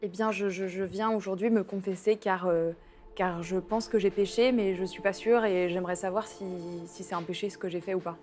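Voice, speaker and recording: Woman, tabletop player, hesitant, lots of fillers, soft music behind. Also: mid-range voice, steady tone, brisk. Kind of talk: casual in-character tabletop play.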